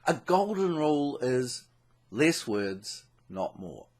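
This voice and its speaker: A man's voice: mid-range voice, big pitch swings, slow pace, darkish tone. A man with a New Zealand accent giving a scripted, earnest lesson on leading worship, stressing key words. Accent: New Zealand English. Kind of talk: scripted instructional narration.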